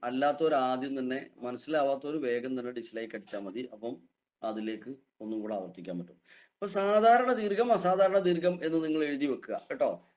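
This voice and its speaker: A man teaching an online Quran reading class, patiently repeating key terms slowly for his students. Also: fairly high pitch, darkish tone.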